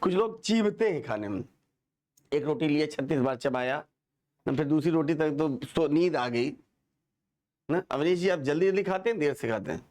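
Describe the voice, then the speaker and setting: थोड़ी ऊँची आवाज़ वाला एक पुरुष शिक्षक, कक्षा में जोश और मज़ाक के साथ पढ़ाता हुआ। बार-बार छात्रों से सवाल पूछता है और शब्द दोहरवाता है।. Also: male voice, a little high, normal speed. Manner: animated, joking, asks students to repeat. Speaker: teacher. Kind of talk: lively classroom lesson.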